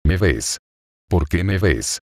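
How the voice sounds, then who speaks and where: A man voicing a sharp-tongued young wife. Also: low voice, lively intonation, takes it slowly, creaky, no echo, clean studio sound, full character voice. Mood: scolding.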